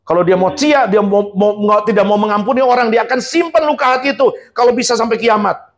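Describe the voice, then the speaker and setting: Pastor guy preaching hard, repeats himself a lot, fairly high voice. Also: fairly quick. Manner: emphatic, repetitive, acts out quotes; mixes in English phrases. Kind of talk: sermon.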